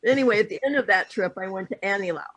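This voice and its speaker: A woman's voice: medium pitch, lively intonation, racing, fairly bright tone. A woman, a guest on a dive panel, telling enthusiastic stories in casual chat.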